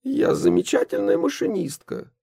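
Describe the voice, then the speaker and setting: A fussy, tipsy old woman chatters in a high, quavering voice that leaps up and down and crackles with gravel, as a male audiobook reader puts her on. The sound is close and dry. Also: huge pitch swings, measured pace, warm tone, no room sound, full character voice. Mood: chirpy. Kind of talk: audiobook reading.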